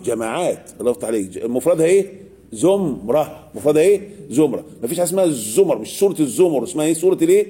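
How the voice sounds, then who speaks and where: A man with an Egyptian Arabic accent gives a religious lesson at a fast clip, in a slightly high voice. His tone is dark and a little husky. He keeps throwing questions to his students and then answering them himself. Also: big pitch swings. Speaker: religious teacher. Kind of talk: lesson explaining Quranic verses.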